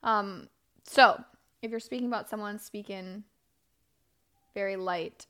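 A woman hosts a casual podcast at a middling pitch. She talks candidly and personally, in a conversational way, checking in with the listener as she goes. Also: a little slow, pushed and bright. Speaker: podcast host. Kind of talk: casual, confessional podcast talk.

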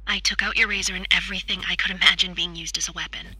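A young woman voicing a frightened teenage girl, speaking in a hushed, anxious, halting way. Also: fairly low pitch, fairly even intonation, slightly rough, dry recording, exaggerated voice. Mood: worried. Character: frightened teenage daughter Madison on phone. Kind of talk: audio drama acting.

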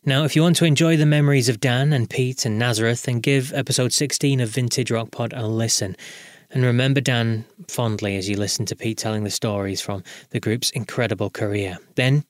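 A man's voice: medium pitch, fairly even intonation, fairly quick, no echo, clean studio sound. A man hosting a podcast, speaking in a spoken commentary style. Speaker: podcast host. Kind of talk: solo podcast commentary and interview.

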